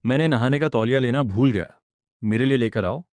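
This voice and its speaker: A man's voice: medium pitch, a little fast, darkish tone, no room sound, lightly acted. A man voicing a playful, manipulative young woman who whines and teases, in a storybook recap. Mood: cold. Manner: pouty, whiny crying tone.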